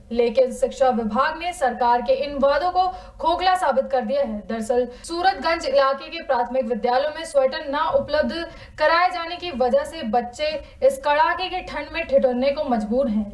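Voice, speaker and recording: A woman news anchor reading a bulletin in a brisk, even, scripted delivery. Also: high voice. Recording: echoey room, distant mic.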